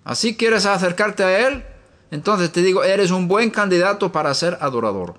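A high-pitched man with a bright, sharp tone gives a sermon-style teaching. He asks his listeners one rhetorical question after another and slips into homely stories from his own house. He speaks from an upstairs room at home. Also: expressive, moderate pace. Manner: asks many rhetorical questions, then tells a homely story. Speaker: preacher.

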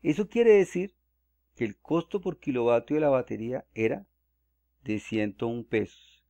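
A man from Colombia, calmly walking through cost calculations step by step in a screen-recorded tutorial. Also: medium pitch, normal speed, no echo. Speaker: solar energy explainer.

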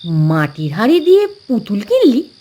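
A woman's voice: a little high, measured pace, slight background noise. A woman voicing a worried, scolding mother in a storybook horror cartoon. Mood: puzzled. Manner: scolding, excitable.

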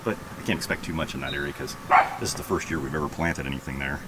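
Outdoor sounds surround this handheld-camera clip, shot at arm's length, of a thirty-something homesteading vlogger ambling around his backyard garden. He rambles in a relaxed manner with lots of fillers, speaking quickly in a deep, rumbling voice.

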